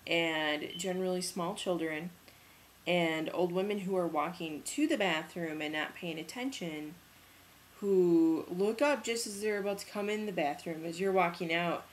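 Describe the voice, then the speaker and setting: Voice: mid-range voice, a little hiss or hum. A young adult vlogger telling a rambling, casual story in a spoken video diary, with plenty of fillers. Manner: chatty and rambling, with frequent fillers.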